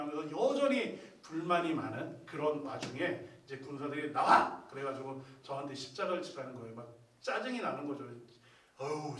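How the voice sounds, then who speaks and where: A man leading a retreat who tells a meditation story in a vivid, animated way, heard in a roomy church hall from off the mic. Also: fairly high pitch, recorded from a distance. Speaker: retreat leader.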